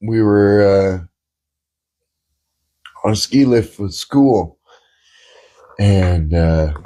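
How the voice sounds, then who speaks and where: Brief: man, podcast co-host, mellow husky voice, rambling profane anecdotes. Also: fairly low pitch, very slow. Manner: rambling, profane storytelling with many fillers. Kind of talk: casual podcast chat.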